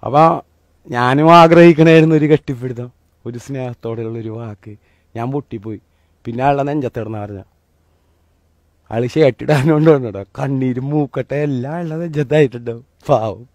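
A man speaking as a motivational speaker, telling a personal story in a casual, animated way. His voice has an average pitch for a man. He swings from loud outbursts to near-whispers, and the recording sounds dry, with no room echo. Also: a little fast. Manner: emotional delivery that swings between loud and hushed; animated and colloquial.

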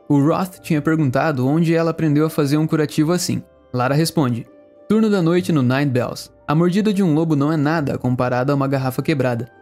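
A Brazilian man teaching English, friendly, explaining and repeating phrases slowly. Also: a little high, a little mellow. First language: Portuguese. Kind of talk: language lesson narration.

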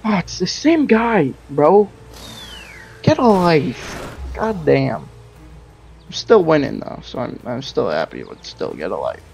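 A man's voice: a little high, a little slow, gravelly, lo-fi sound, soft background music. A man with a lisp and slushy s sounds, giving casual, jokey, sweary commentary while playing a game. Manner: animated, exclaiming, sweary, jokey. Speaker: gaming video host.

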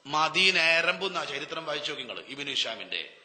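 Preacher, man, bright ringing voice, slightly high, hall reverb. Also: big pitch swings, brisk. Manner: storytelling preaching with rhetorical questions, swinging between loud and hushed. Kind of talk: Ramadan sermon.

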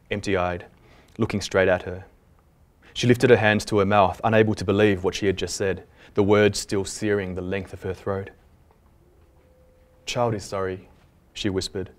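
Author reading his own fiction at a library event: a man with a lowish voice, measured and deliberate delivery. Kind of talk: literary reading aloud.

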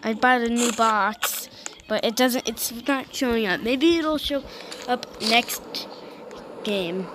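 Casting: woman gamer, slightly high voice, hushed and slow, on a noisy track with clicks. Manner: hushed, half-whispered talk. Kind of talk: gameplay commentary.

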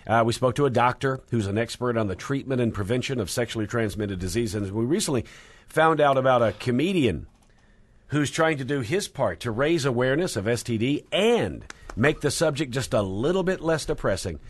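A man's voice: mid-range voice, animated, brisk. A man hosting a radio show, introducing a segment in a conversational broadcast style. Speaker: radio host.

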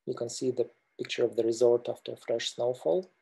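A middle-aged man from Russia, a mountain guide presenting slides on a webinar over a webcam, speaking hesitantly with many filler pauses. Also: mid-range voice, fairly even intonation, vocal fry, warm tone, husky. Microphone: video call webcam.

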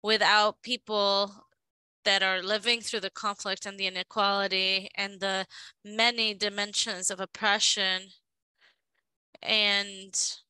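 A woman giving a live interpretation of a panel discussion, halting and often restarting her phrases. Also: mid-range voice, level tone, sharp tone, clean tone, no room sound, poor audio.

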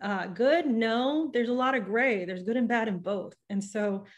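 Her voice sits fairly high and moves at a measured pace, though the audio sounds dull. She's a young podcast guest on a video call at home, before a bookshelf and patterned wall hanging, using a studio microphone on a boom arm. In this casual interview she thinks aloud, frequently restarts sentences, and gestures animatedly.

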